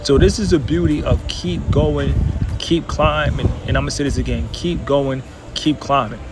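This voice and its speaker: A man's voice: mid-range voice, steady tone, normal speed, loud music behind the voice. A man talking through his workout in a vlog, motivational and emphatic, repeating his points. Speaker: fitness vlogger.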